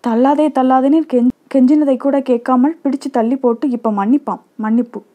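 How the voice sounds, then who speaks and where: A woman voicing a spirited, quick-tempered young village girl in a storybook reading, crying out in a shrill, scolding way. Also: lively intonation, warm tone. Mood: indignant.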